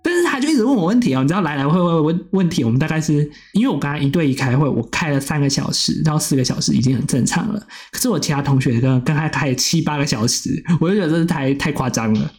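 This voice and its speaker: Fast podcast host, animated anecdotes, mid pitch. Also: soft background music. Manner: animated storyteller who acts out quotes. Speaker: podcast co-host, graduate student. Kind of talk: casual podcast chat.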